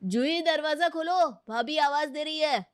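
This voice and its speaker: A woman voicing a bossy elder sister-in-law who scolds loudly and sharply. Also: sits high, normal speed, no room sound, clean studio sound, voice pushed up, close to an everyday voice. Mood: scolding, exasperated.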